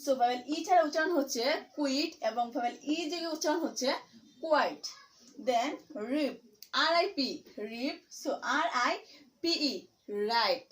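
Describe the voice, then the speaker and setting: High-voiced woman teaching English pronunciation. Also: animated, low-quality recording. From Bangladesh. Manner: slow, deliberate spelling and repetition. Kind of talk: spoken English lesson, spelling out letters and repeating words.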